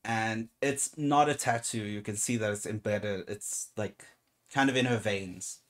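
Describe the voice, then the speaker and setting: A man's voice: fairly low pitch, a little slow. A man narrating as game master of a tabletop game in an easygoing, descriptive way.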